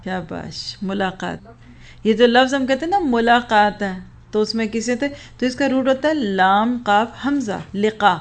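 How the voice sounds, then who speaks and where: A woman from Pakistan teaching a Quranic vocabulary class. She praises her students often and recites the verses slowly and carefully. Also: on the high side.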